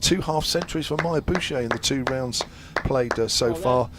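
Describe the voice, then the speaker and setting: Male lead commentator, mid-range voice, steady ball-by-ball calling, noisy live feed with planes overhead. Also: mid-range voice, normal speed. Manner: calls play with steady ball-by-ball detail. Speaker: cricket commentator. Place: commentary box at a quiet ground. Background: aircraft noise overhead.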